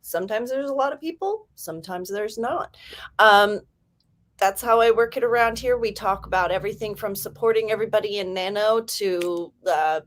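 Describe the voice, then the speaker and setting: A woman hosting a casual writing livestream, hyper and chatty, rambling with quick restarts. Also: medium pitch. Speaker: livestream host running writing sprints.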